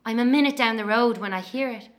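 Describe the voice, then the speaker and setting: A woman's voice: on the high side, fast, crowd noise, close to an everyday voice. An actress playing an angry young Irish woman, telling of walking home at night in a dramatic monologue.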